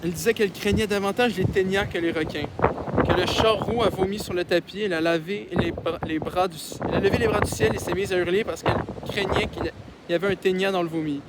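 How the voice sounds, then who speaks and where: High-voiced man reading aloud. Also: fairly even intonation, quick pace, very noisy. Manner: reads with stumbles and sarcastic, swearing asides. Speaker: audiobook reader. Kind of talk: casual audiobook reading with asides. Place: outdoors in the wind.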